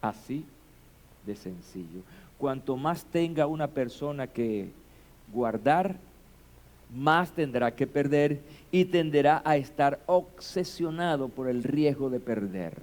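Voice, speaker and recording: A man preaching a sermon as pastor, building to shouted emphasis and rhetorical questions. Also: medium pitch, expressive, slow.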